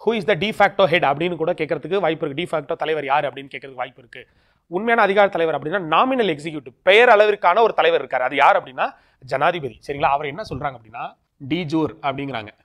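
A man teaching a recorded exam-prep lesson over slides. He often checks in with "okay?" and reads English terms out slowly. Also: a little high, a bit bright. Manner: tags lines with a checking "okay?", mixes English terms into his explanations.

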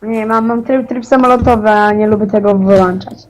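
A young teenage boy playing Minecraft with a friend, giggly and playful, trading quick jokes. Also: high voice, fairly even intonation, poor audio. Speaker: co-player. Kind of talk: casual gaming banter.

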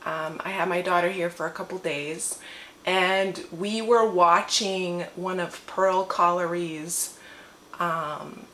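A woman's voice: lowish voice, creaky, bright, forceful tone, a little hiss or hum. A woman vlogging a rambling personal testimony at home in her morning voice. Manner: long-winded, rambling. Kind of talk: casual personal testimony to camera. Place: her living room at home. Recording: roomy echo with faint ambience.

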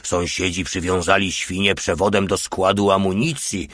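A man's voice: low-pitched, little pitch movement, moderate pace, a bit bright, no echo, studio quality. A man reading an audiobook voices a crude, wry small soldier with a coarse, drawling manner. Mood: boisterous.

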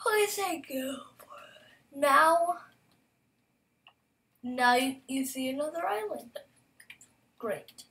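A high-pitched woman talks through her game in an unhurried way, shifting between excited outbursts and quiet asides. She has the hiccups. Her voice sits a bit back from the mic. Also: recorded from a distance. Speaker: gamer. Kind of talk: casual gameplay commentary.

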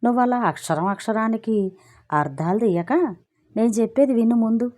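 A woman's voice: on the high side, moderate pace, darkish tone, natural voice. A woman voicing a wry, gossipy wife in a storybook. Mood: chatty. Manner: breezy, gossipy, self-justifying. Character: chatty married woman, wry and complaining.

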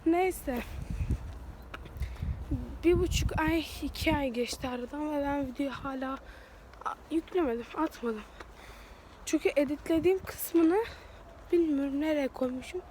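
A high-voiced young woman vlogs outdoors on a phone held at arm's length, her voice thick and stuffy from a cold. She rambles in a chatty, self-mocking way. Faint street sound sits behind her. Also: measured pace, pauses often, mellow, a little hiss or hum. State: congested and sore-throated from a cold. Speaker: vlogger. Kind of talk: casual walking vlog.

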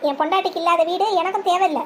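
A stubborn young husband, as a performer voices him, firm and defiant. The voice sits very high and squeaky, like a cartoon. A faint hiss runs under it. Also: male voice, steady tone, very fast, fairly bright tone. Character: stubborn young husband defending his wife. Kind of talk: scripted family drama voice acting.

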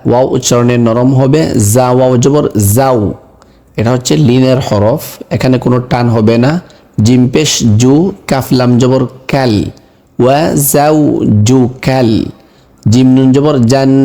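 A man teaching Quran reading in a slow lesson, spelling each word letter by letter and then chanting it. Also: mid-range voice, fairly even intonation, mellow. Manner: spells words letter by letter, then recites them in a drawn-out chant. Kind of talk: slow step-by-step recitation lesson.

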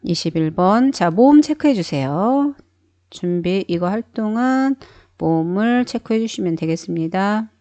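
A woman's voice: mid-range voice, expressive, unhurried, mellow, no echo. A woman teaching a beginner phonics lesson, explaining each sound step by step and repeating every word several times. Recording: dull, dry sound.

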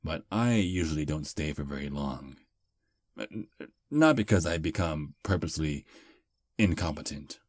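In an ASMR roleplay, a man with a bass voice plays a charming vampire on a first date, speaking softly, relaxed and self-deprecating, close to the mic with no echo.

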